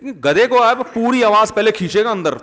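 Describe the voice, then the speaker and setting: A man giving a humorous, animated sermon, often asking the audience questions. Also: sits high. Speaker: Islamic preacher. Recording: long hall reverb.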